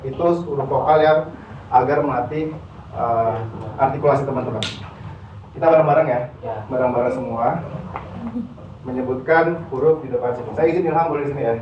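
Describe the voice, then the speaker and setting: A man's voice: mid-range voice, brisk, long pauses, background noise. A man giving a casual public speaking workshop, talking straight to his students and dropping English terms into his speech. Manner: chatty, addresses audience directly, mixes in English terms. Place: university classroom. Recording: echoey room, distant mic, dull lo-fi sound.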